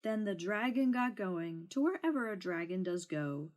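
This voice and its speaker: A woman reads a children's storybook aloud in an expressive read-aloud style, with music in the background. Her voice is mid-range and her speed is normal.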